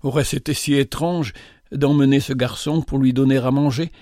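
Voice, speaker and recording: A man voicing a gentle, earnest young woman who speaks softly and calmly. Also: mid-range voice, moderate pace, no room sound, studio quality, close to an everyday voice. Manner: soft, calm, quiet.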